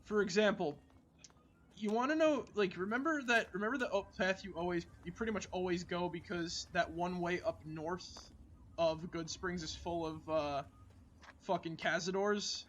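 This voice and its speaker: A man's voice: high-pitched, moderate pace, a bit bright, highs cut off, slight background noise. A man streaming a game, chatting casually and rambling with lots of filler words and restarts. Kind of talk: casual gaming chat.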